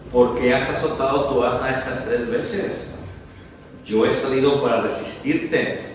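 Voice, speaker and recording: A male preacher who gives a lively sermon, jokes with the congregation, asks them questions and acts out the story. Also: medium pitch. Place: church hall. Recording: very echoey church hall, mic far off, faint noise.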